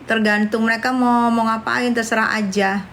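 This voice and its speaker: Woman, livestream host, scornful, fairly high voice, faint background noise. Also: little pitch movement, moderate pace, fairly bright tone. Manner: brash, scornful, calls viewers darling. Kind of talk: casual livestream chat with viewers.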